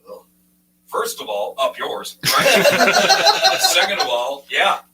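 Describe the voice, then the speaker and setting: A man's voice: sits high, huge pitch swings, takes it slowly. A man doing a live stand-up comedy set on stage, with self-deprecating jokes. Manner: self-deprecating joke delivery. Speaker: stand-up comic. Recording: distant mic in a noisy room.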